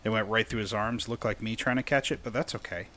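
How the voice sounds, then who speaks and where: A man's voice: lowish voice, fast talker, pushed and bright, a little hiss or hum. A man hosting a casual sports talk, joking and conversational. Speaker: podcast host.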